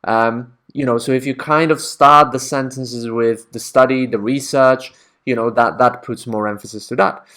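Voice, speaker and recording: A man's voice: medium pitch, steady tone, moderate pace, sharp tone. A man teaching academic writing in a casual, conversational way, often checking in with the listener. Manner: conversational, checks in with frequent "right?".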